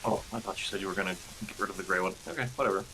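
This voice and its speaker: A man's voice: low-pitched, very fast, sharp tone, a little hiss or hum, rough recording. A man chatting casually with friends while playing a building game, asking offhand questions and teasing. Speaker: co-player. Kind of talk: casual multiplayer game chat.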